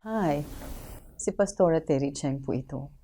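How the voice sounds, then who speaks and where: A woman pastor giving a polite, measured closing address to viewers. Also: deep voice, warm tone.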